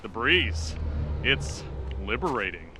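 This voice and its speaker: A man's voice: medium pitch, big pitch swings, slow pace, bright, forceful tone, slight background noise, full character voice. A man playing a brooding, awkward young space villain in a comedic video game cutscene, with bad, unconvincing acting. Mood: smug.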